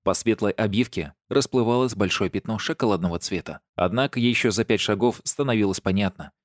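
A man narrating an audiobook in an even, measured storytelling manner. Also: lowish voice, dry recording, studio quality. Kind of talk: scripted narration.

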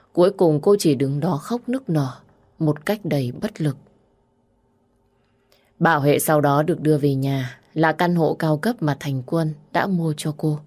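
A woman reading a story aloud in scripted audiobook narration, slow and solemn. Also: low voice, darkish tone.

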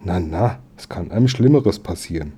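Bustling neighbor lady, eager and gossipy, voiced by a male reader; dark, husky. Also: deep voice, lively intonation, heavily acted. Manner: bustling, gossipy, quick to reassure. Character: chatty eager neighbor woman, a baker's wife.

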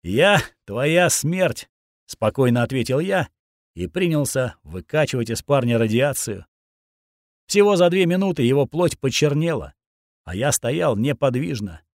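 A man narrating a first-person action audiobook in a steady, grim storytelling voice, recorded on a close studio mic. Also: mid-range voice, normal speed, no room sound.

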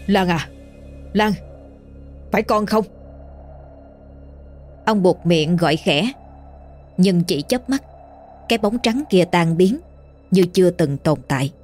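Low-voiced woman narrating a ghost story. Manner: steady, measured storytelling. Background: faint music.

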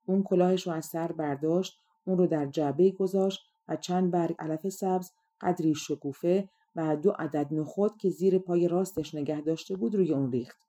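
Audiobook narrator, woman; calm measured storytelling, lowish and mellow.

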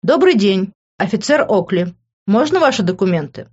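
A woman's voice: mid-range voice, big pitch swings, normal speed, darkish tone, breathy edge, lo-fi sound. A woman reading an audiobook, voicing a polite, formal male police officer.

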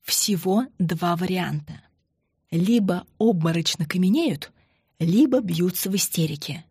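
Husky woman narrating an audiobook. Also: lowish voice, animated, a little slow, a little mellow, no echo, clean studio sound. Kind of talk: scripted narration.

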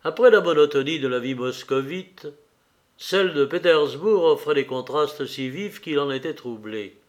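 A man reading a novel aloud as an audiobook, measured and even. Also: fairly high pitch. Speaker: audiobook reader.

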